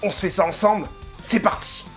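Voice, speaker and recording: A man's voice: high-pitched, fairly even intonation, a little fast, a bit bright. A man casually commenting on a figurine unboxing, joking and rambling with lots of hesitant fillers. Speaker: unboxing video host. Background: faint background music.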